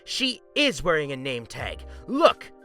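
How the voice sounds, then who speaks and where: A shrill, demanding middle-aged woman shopper barks orders in a raised, high voice, as a man puts her on for a storybook reading. Her tone is bright and sharp, with lively swings in pitch. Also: normal speed, soft background music. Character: entitled angry middle-aged female shopper.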